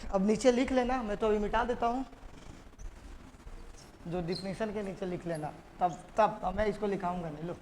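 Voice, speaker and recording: Guy teaching a class, really high voice, keeps asking the students questions, echoey room. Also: moderate pace, pauses often, a little mellow, slight background noise. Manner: drilling students with repeated questions. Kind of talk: classroom lecture. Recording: classroom with long reverb.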